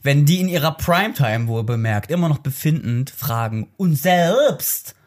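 A man co-hosting a podcast, joking around in casual chat with drawn-out asides. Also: mid-range voice, animated. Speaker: podcast co-host.

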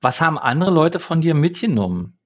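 A man interviewing a guest, summarizing his answers and probing with measured questions. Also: on the high side, sing-song, lo-fi sound.

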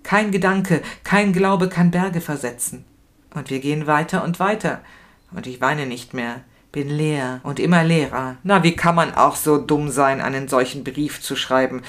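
Expressive woman reading a novel aloud. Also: low voice, normal speed. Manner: expressive, emotional, shifting between fear and anger. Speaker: reader. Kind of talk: literary reading, first-person narration.

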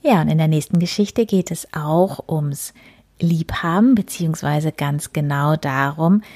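Woman reading a children's book aloud, low-pitched, very slow, soft, half-whispered delivery. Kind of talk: children's story read aloud.

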